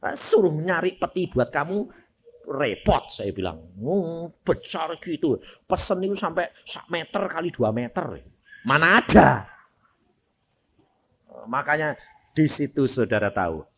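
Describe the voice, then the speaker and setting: An older man preaching. His fairly high voice swings widely, rising to loud exclamations and sinking to quiet asides. He acts out family dialogue in the middle of the sermon. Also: sing-song, a little slow, breathy edge. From Indonesia. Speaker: evangelist preacher. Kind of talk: sermon with storytelling.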